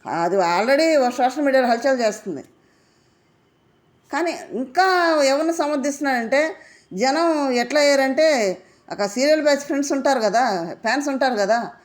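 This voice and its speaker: Indignant woman reviewing a reality show. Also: fairly high pitch. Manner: indignant, fires off rhetorical questions. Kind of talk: casual episode analysis vlog.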